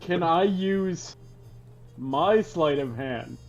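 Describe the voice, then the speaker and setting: A man's voice: a little high, expressive, drawn-out words, faint music behind. A man playing a tabletop game, speaking eagerly through a dull lo-fi mic. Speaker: player.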